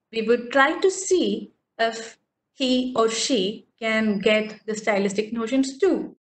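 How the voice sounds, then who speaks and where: Woman lecturer, Indian English accent, slow and patient, fairly high voice, roomy echo. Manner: patient, explanatory, often checks understanding. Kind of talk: online literature lecture. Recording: echoey room.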